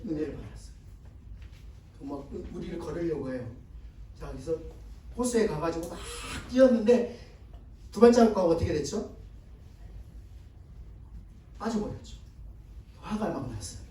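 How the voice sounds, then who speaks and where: A man's voice: high-pitched, dark tone. A male pastor giving a conversational sermon seminar, often prompting the congregation to repeat after him and answer his questions. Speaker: guest pastor. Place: church sanctuary. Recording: echoey church hall from far off.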